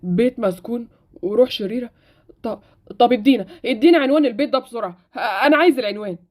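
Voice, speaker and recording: A woman's voice: on the high side, fast, lightly acted. A woman voicing a stubborn boy in a Roblox story drama, speaking with an Egyptian accent and insistent pleading. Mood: urgent. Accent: Egyptian Arabic. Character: stubborn boy hero, warning everyone.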